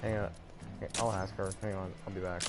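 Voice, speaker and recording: A man's voice: low voice, little pitch movement, quick pace. A man chatting casually as he streams a video game. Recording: game music over the voice. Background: loud game music.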